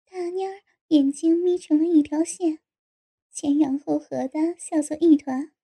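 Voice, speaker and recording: A woman narrating an audiobook in a steady storytelling delivery. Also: high voice, a little slow.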